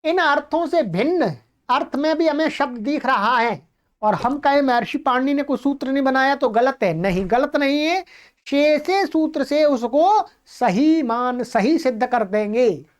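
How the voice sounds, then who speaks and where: A woman teaching a grammar lesson online, explaining rules step by step, checking in with her students and slowing down to recite rules. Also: high-pitched, expressive. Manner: explanatory, checks in with listeners often. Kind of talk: online lecture.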